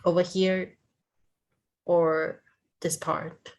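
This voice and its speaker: Non-native english student, woman, slow n halting, creaky voice, repeats stuff back. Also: on the low side, flat delivery, a little mellow. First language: not English. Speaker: English learner. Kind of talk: conversational language lesson.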